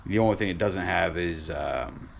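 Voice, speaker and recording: A man giving a casual car vlog in a tired, sedated, halting way, sounding drowsy and medicated. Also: deep voice, gravelly, slight background noise. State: tired and drugged on muscle relaxers. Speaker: car vlogger and home mechanic.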